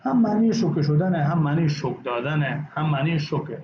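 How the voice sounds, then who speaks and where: A man's voice: a little high, expressive. Man teaching in an echoey classroom. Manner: drills words slowly, repeating each several times. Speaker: English teacher. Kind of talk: classroom language lesson. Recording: echoey, dull, noisy classroom recording.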